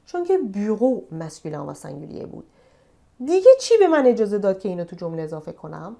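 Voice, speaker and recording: A woman giving an online French grammar lesson, explaining in a lively way and slowing down to read example sentences aloud. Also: medium pitch, vocal fry. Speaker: French teacher.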